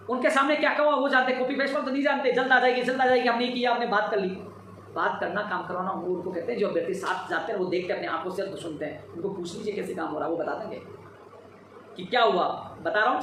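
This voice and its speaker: A man's voice: high voice, fairly bright tone, very echoey, distant mic, slight background noise, poor audio. A tired man giving an emphatic, repetitive live update to followers on recruitment demands. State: tired after a long day. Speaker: job-seeker advocate giving updates.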